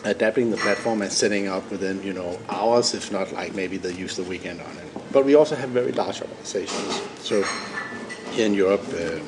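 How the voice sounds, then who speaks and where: Low-voiced and brisk, a Danish-accented founder and CEO from Denmark answers questions in a business podcast interview. He lays out his points steadily, often restarting phrases, in a noisy room.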